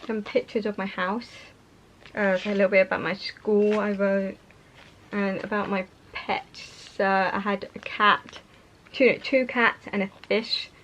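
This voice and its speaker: A young British woman vlogs, showing things to her viewers in a casual, slightly hesitant way. Her mid-range voice stays steady and fairly bright, and she takes her time. The sound is muffled with faint noise.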